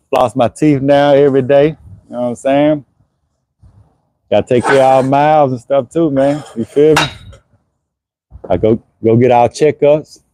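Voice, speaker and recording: Warm and medium-pitched, this Houston-area HVAC business owner in his forties keeps his livestream laid-back, casually answering viewers. His conversational talk is peppered with "you know what I'm saying."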